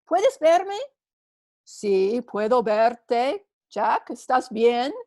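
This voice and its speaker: A woman voicing a calm, patient God. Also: a little high, no echo, studio quality, exaggerated voice. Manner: calm, slow, reassuring.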